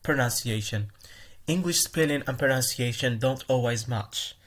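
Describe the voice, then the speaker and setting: Guy teaching pronunciation on his podcast, mid pitch, keeps stopping to fix what he said. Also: moderate pace, a bit bright. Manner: explanatory, often restarts and corrects himself. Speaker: podcast host. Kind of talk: pronunciation lesson.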